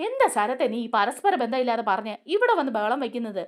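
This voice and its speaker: A woman's voice: on the high side, very animated, fast. A woman voicing a stern older brother from a TV serial who scolds and questions the family. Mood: scolding.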